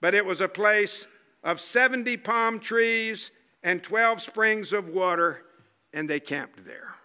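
Male preacher, high and bright, slow dramatic delivery, sinks to a soft hush for emphasis. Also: clean tone. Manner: dramatic, animated storytelling with rhetorical questions; drops to a quiet, slow, low voice for emphasis. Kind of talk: sermon.

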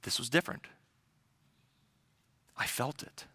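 A calm teacher's voice, dropped low and nearly whispered, insistent and intent, as a preacher puts him on. The sound is close and dry. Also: male voice, brisk, no echo. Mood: hushed intent. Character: calm, insistent male teacher speaking quietly.

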